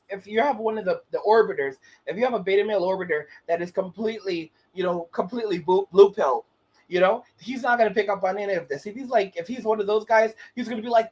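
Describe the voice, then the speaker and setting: A man's voice: high voice, expressive, a little fast, breathy edge. A man in his late thirties hosting his own channel, giving casual rambling commentary and often restarting his phrases. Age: 30s. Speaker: channel host.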